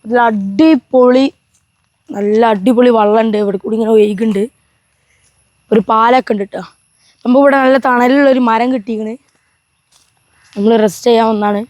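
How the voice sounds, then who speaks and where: Female travel vlogger, high voice, Kerala Malayali accent, Malayalam-English mix, casual and enthusiastic chat to camera. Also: steady tone, moderate pace, pauses often, a little mellow, no echo. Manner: Malayalam mixed with English words; repeats enthusiastic filler phrases, addressing viewers. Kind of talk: casual vlog chat to viewers.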